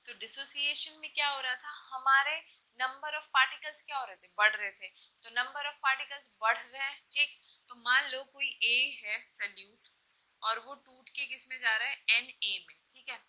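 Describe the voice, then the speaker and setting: A woman's voice: sits high, steady tone, measured pace, pushed and bright, rough recording. A woman teaching a chemistry lesson, explaining step by step and often asking questions, then answering them herself. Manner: checks in often with short confirmations. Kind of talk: classroom lecture mixing Hindi and English.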